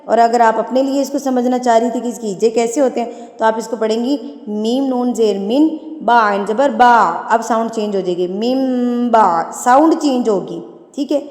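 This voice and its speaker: A woman teaching Quran tajweed, patiently explaining and spelling words out slowly syllable by syllable. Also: on the high side, a little mellow, echoey room, long reverb tail. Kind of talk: tajweed lesson with slow spelled-out recitation.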